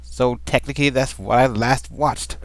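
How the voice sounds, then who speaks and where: A man at home answers a question tag for his vlog, chatting casually in a playful, rambling way with many ums. His mid-range voice has fairly even intonation and a moderate pace, recorded on a desk microphone.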